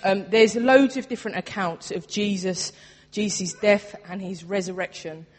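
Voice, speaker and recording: A woman's voice: medium pitch, normal speed. A young woman with a Cockney accent giving a chatty, self-mocking Easter talk to a congregation as a youth worker, laughing often. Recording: long hall reverb.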